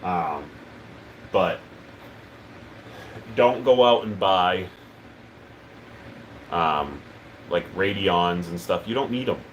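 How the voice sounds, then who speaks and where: A man's voice: deep voice, drawn-out words, long pauses, a little hiss or hum. A man hosting a live stream, talking casually and rambling with lots of ums as he reads chat. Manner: relaxed, rambling, many ums and uhs. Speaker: livestream host.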